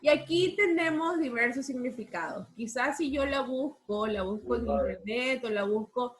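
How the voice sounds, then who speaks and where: A woman with a fairly high voice teaches an online class over a video call. She talks patiently and stretches out key words, repeating them so students can follow. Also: normal speed, a little hiss or hum. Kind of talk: online class, explaining accent rules.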